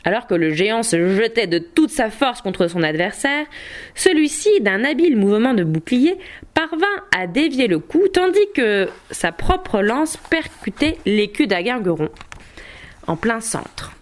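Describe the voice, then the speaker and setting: Narratrice au ton expressif et posé. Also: female voice, a little high. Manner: measured, expressive storytelling. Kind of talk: audiobook narration of a medieval tale.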